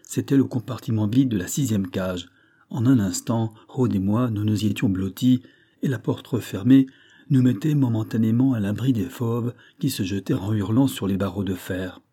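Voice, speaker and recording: Male audiobook narrator, low-pitched and mellow, steady measured reading. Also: slightly rough. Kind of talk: scripted narration of a classic novel.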